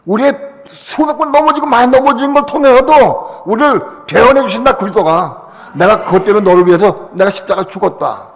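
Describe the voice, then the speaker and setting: A male pastor preaching a Friday evening sermon, passionate, dropping to quiet asides and rising to shouted declarations. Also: high voice, lively intonation, fairly quick, big-room sound. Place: church sanctuary.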